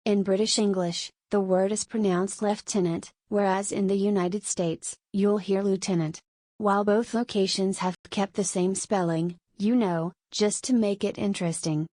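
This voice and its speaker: A woman giving a scripted explainer on tricky words, clear and lightly playful. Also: mid-range voice, a little mellow, no echo, clean studio sound. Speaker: narrator. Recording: faint background music.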